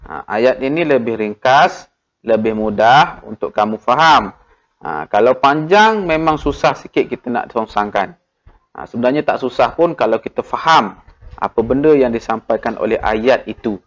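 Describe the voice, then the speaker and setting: A man's voice: medium pitch, expressive, normal speed. Patient Malaysian Malay man teaching, lo-fi. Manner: patient, coaxing, fills with "ha". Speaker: primary school teacher. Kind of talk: video grammar lesson. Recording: dull lo-fi audio.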